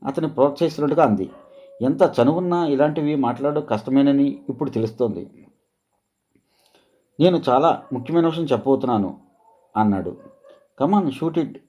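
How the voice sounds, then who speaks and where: Guy reading a story out, calm and even, warm dark voice. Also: mid-range voice. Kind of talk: scripted story narration.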